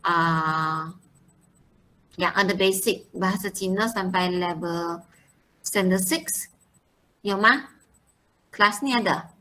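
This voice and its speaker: A woman leads a classroom pronunciation drill. Her voice is bright and forceful, and she repeats each word slowly and clearly. She switches into English now and then. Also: lowish voice, low-quality recording. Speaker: Mandarin language teacher.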